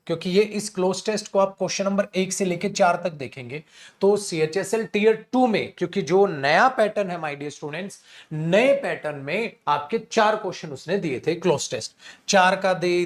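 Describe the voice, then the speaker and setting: A young man teaching an exam-prep class, asking his students questions and answering them himself, and reading English sentences slowly word by word. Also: sits high. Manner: addresses students as beta and mere dost, asks and answers his own questions. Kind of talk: online exam-prep lesson.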